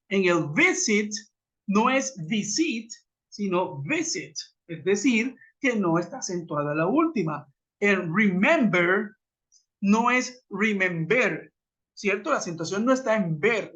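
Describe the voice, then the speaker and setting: A man's voice: sits high, fairly bright tone. A man teaching an English grammar lesson in a webinar, patiently repeating and spelling out examples. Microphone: computer mic on a web call. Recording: dull lo-fi web conference audio.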